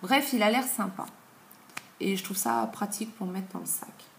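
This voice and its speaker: This is a woman in her thirties, a beauty vlogger, casually reviewing products with lots of filler pauses in an easygoing, chatty tone. Her mid-pitched voice has a creaky edge. The audio comes from a camera mic in an echoey home room, with a little background noise.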